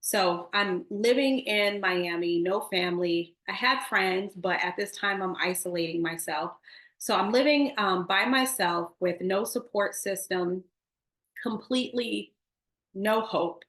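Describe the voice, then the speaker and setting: A woman's voice: medium pitch, measured pace, a bit bright. A woman in her thirties giving an earnest, emotional personal faith testimony, speaking directly to her viewers. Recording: echoey room.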